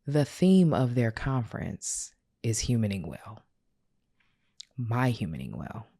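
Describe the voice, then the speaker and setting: A woman's voice: extremely low pitch, big pitch swings, takes it slowly, dark tone, breathy edge. A woman hosting a podcast, telling a personal story in a casual, confessional way with slang, her voice cracking with emotion. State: voice cracking with tears. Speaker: podcast host.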